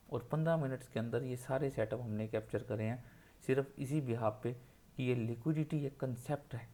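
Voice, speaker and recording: A man's voice: medium pitch, background noise. A man walking viewers through trading charts in a screen-share tutorial, pressing his points with repetition. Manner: insistent, repeats points for emphasis. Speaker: trading educator.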